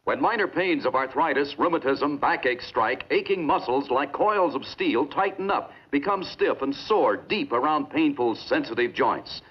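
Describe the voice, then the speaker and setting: A man reading a scripted commercial voice-over as an earnest, emphatic pitchman. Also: lively intonation, moderate pace, few pauses, slightly rough. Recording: dull lo-fi vintage ad.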